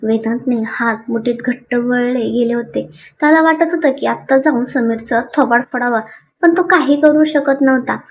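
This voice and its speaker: A woman storyteller narrating a romance story in an expressive, dramatic way. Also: on the high side, normal speed, lo-fi sound.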